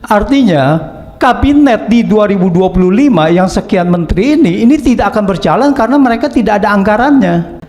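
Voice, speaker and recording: A man giving measured political commentary, explaining step by step with frequent "eh" fillers. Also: high voice, lively intonation, a little mellow. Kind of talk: analytical commentary.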